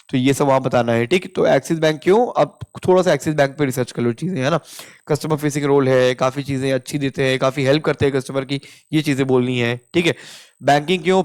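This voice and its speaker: Young Indian male tutor, a touch high-pitched, conversational coaching, frequent check-ins. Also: smooth. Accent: Indian English. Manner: explains with frequent "theek hai" check-ins, reads model answers slowly. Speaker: interview prep tutor. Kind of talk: casual Hindi-English tutorial.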